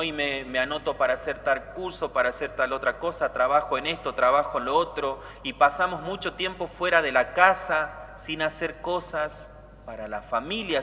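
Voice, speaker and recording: A man's voice: a little high, pushed and bright. A man, a priest giving an explanatory homily with rhetorical check-in questions in a reverberant church. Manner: didactic, with rhetorical tag questions. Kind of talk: sermon. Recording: long church reverb, background noise.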